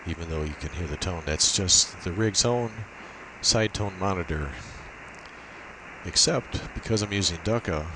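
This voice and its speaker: At a measured pace, a man with a deep, low voice methodically demonstrates an amateur radio setup one step at a time, speaking unscripted. The recording has a clear, steady hiss behind him.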